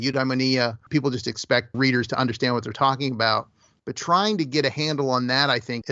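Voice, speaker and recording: A man's voice: medium pitch, sharp tone, no echo. Thoughtful man explaining in a dry, muffled recording. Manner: thoughtful, explanatory, with verbal hedges. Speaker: podcast co-host. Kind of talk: casual discussion.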